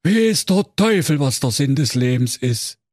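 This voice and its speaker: A man's voice: mid-range voice, very animated, unhurried, darkish tone, no room sound, pitched above the performer's own voice. A feeble, starving villager who talks in a limp drone, put on by a man. He sounds drained of all energy. The sound is dry and close. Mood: listless. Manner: limp, droning. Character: weary, starving male villager, languid.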